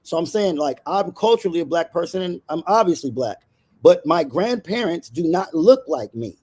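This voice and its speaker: A man's voice: a little high, animated, normal speed, darkish tone, slightly rough. A man co-hosting a casual talk show, explaining himself in defensive, rambling bursts with many restarts. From Honduran family, raised in America. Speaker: co-host. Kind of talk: casual debate chat.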